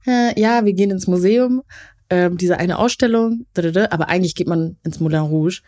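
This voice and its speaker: A young woman co-hosting a relaxed bedtime chat, her voice lowish and mellow. She talks in a chatty, easygoing way and laughs at her own jokes. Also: fairly quick. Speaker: podcast co-host.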